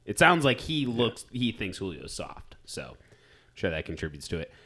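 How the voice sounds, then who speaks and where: A man's voice: fairly low pitch, very animated, moderate pace, pushed and bright. A man co-hosting a casual sports podcast, offhand and sometimes swearing. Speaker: podcast co-host.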